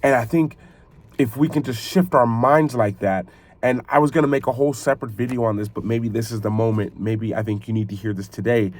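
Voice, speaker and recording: A man speaking to his viewers in a motivational vlog style, earnest and reflective, often halting and repeating phrases as he builds to rhetorical questions. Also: medium pitch. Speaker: video creator and podcaster. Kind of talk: motivational talk addressed to viewers.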